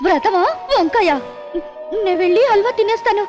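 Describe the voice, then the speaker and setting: An actress playing a devout young wife with a plaintive, pleading way of talking. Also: female voice, very high voice, lo-fi sound, over music. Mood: relieved. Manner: plaintive, pleading, quick to complain. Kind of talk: 1990s film drama acting.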